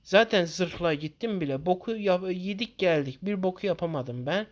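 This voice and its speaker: A man giving casual gameplay commentary to his viewers, jittery and quick to swear in sudden loud outbursts. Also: high-pitched. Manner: talks straight to viewers as "guys". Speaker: gaming channel host.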